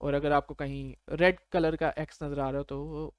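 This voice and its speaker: A programming tutor from Pakistan explains things step by step, informally, slipping in short check-in questions. His slightly high voice has a clean tone and a flat delivery at a moderate pace, captured close and dry with no room sound.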